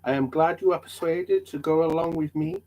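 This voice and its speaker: A man's voice: on the high side, steady tone, moderate pace, a little mellow, natural voice, low-quality recording. A man voicing an earnest, devout, burdened pilgrim in a hammy, theatrical dramatic reading of an old allegory.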